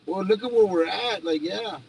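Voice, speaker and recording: A man chatting casually as an interview guest, halting and repeating his phrases as he goes. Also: high voice, gravelly, a loud crowd, poor audio. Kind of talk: casual chat.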